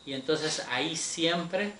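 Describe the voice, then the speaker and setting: A man teaching Hebrew grammar in a Torah class, slow and patient, often checking that his students follow. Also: a little high, bright, forceful tone. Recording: echoey room with faint noise.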